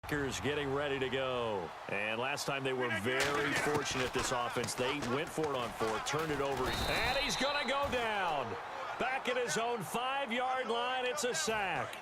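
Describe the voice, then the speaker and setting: A man's voice: medium pitch, normal speed, lightly acted. A man with an American accent playing a play-by-play announcer, calling an American football video game. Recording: loud game noise behind voice.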